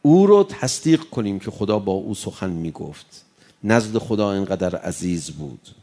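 In a fairly low, expressive voice, a man preaches a sermon and recites Arabic verses. He moves between hushed, intimate passages and impassioned rises.

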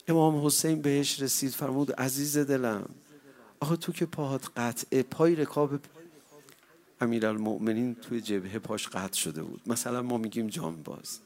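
A man reciting a religious mourning sermon, impassioned and swelling to loud cries. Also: medium pitch, gravelly. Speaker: eulogy reciter.

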